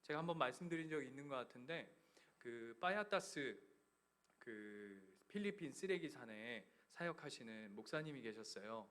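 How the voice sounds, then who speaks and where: A male pastor giving a Christmas sermon in a church, telling stories with sudden loud bursts and hushed, nearly whispered passages. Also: mid-range voice, lively intonation, normal speed. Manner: storytelling preacher swinging from loud emphatic bursts to hushed near-whispers. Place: church sanctuary.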